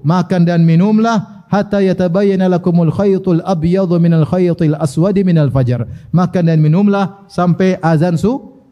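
A man's voice: on the high side, dark tone, muffled recording. A middle-aged man giving an Islamic study lecture, reciting Arabic passages, translating them and telling the story with questions to his listeners. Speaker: Islamic preacher.

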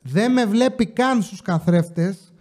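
Man with a warm, high voice telling stories. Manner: swears casually, quotes people in exasperated retellings. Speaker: podcast host telling stories from his security job. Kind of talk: casual storytelling monologue.

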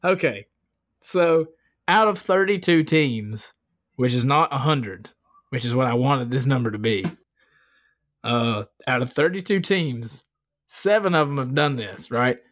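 A man's voice: mid-range voice, expressive, a little slow, a bit bright. A man co-hosting a podcast in casual, profane banter, jokey and full of slang. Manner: slangy, jokey, swears freely. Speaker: podcast co-host.

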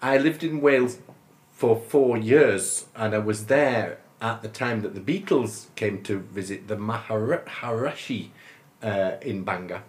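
A man in his fifties from northern England, a musician chatting as a guest in a relaxed, rambling, good-humoured way, often laughing as he talks. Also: fairly low pitch, a little slow. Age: 50s. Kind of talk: casual interview chat.

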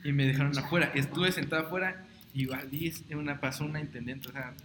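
A young man telling a personal story in a casual podcast chat, rambling and halting, often repeating words. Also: a little high, fairly even intonation. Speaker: podcast co-host. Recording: roomy echo, noisy background.

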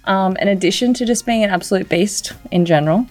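A woman's voice: medium pitch, fast, a little mellow, faint music behind. An Australian woman co-hosting a casual podcast, bubbly and playful with frequent giggles. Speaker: podcast co-host.

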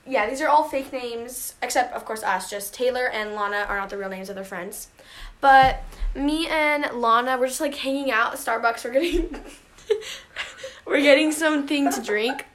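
Young woman, high and bright voice, chatty, filler-heavy casual storytelling. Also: normal speed.

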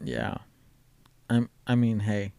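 A man co-hosting a podcast in casual chat, throwing out sassy, deadpan teasing comebacks. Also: lowish voice, slow pace, gravelly, clear, resonant tone, no echo. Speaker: podcast co-host.

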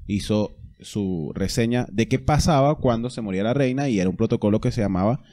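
A man's voice: fairly low pitch, fairly quick, dark tone. Slangy Venezuelan man, joking podcast host. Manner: joking, slangy, does comic impressions. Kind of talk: casual chat.

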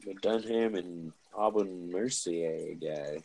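A man's voice: deep voice, takes it slowly, creaky, warm tone, poor audio. A man co-hosting a casual fight podcast, laid-back, mostly giving short replies and dry jokes. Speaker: podcast co-host.

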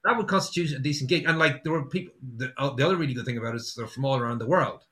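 Bright-voiced west of Ireland man. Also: mid-range voice, very fast. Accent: west of Ireland, Sligo. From Sligo, west of Ireland. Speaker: interviewed musician. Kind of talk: casual anecdotal chat.

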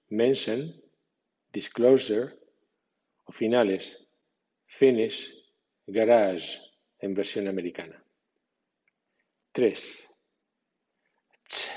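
A man's voice: lowish voice, a little mellow, slightly rough. A man giving a scripted pronunciation lesson, carefully demonstrating sounds and example words one at a time. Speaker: pronunciation teacher. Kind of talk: scripted instructional podcast. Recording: dull lo-fi sound with long reverb.

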